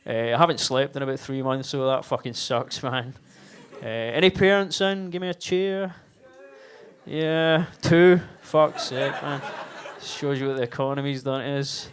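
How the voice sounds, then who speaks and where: A man's voice: medium pitch, steady tone, a little slow. A man in his thirties doing a live stand-up set in a basement comedy club, chatty and swearing, with self-mocking asides.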